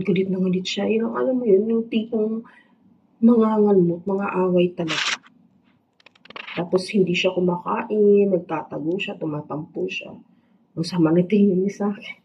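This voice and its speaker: A woman vlogger who tells stories about her cats in a chatty, animated way and laughs often. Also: lowish voice, dull audio, slight background noise. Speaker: vlogger, cat owner. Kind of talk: casual storytelling.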